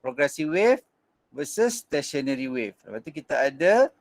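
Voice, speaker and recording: High-voiced Malaysian male teacher. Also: very animated, normal speed. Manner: mixes English into speech, frequent fillers and restarts. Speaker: physics teacher. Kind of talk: online exam revision class.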